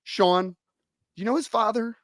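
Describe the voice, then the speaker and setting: A man hosting a casual sports talk show, a bit hoarse from a cold and talking with emphatic energy. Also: high-pitched, moderate pace, no room sound. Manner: energetic, emphatic, hypes the audience. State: hoarse, slightly under the weather. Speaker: podcast host.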